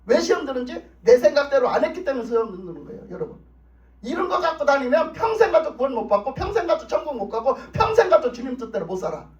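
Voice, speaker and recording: Male pastor, emphatic revival sermon, high lively voice, echoey church, distant dull mic. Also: fast talker. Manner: emphatic, repetitive, colloquial preaching. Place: church sanctuary.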